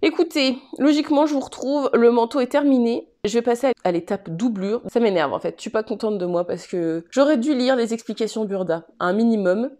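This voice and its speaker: A woman's voice: on the high side, a little fast, few pauses, mellow. A woman chatting casually in a home sewing vlog, exasperated and laughing at her own mistakes. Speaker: sewing vlogger.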